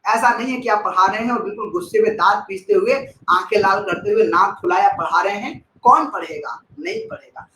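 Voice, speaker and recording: Male teacher on a live online class, high bright voice, echoey room with faint hiss; expressive, repeats his points, greets chat viewers. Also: a little fast, few pauses. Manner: expressive, repeats key phrases, thanks viewers by name.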